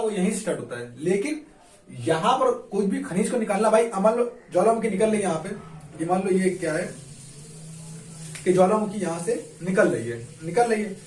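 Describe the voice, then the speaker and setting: A man's voice: sits high, darkish tone. A man teaching a casual map lesson, asking his students questions over and over and answering them himself. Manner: repetitive quiz-style questioning. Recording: echoey room, distant mic, faint noise.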